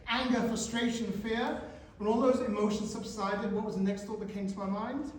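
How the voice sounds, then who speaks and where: A guest speaker in his forties gives an animated school talk to teenagers in a school hall, often pausing to ask them questions. His fairly high voice moves at normal speed, but he is far from the mic, so the hall's heavy echo swallows his words over a faint murmur of room noise.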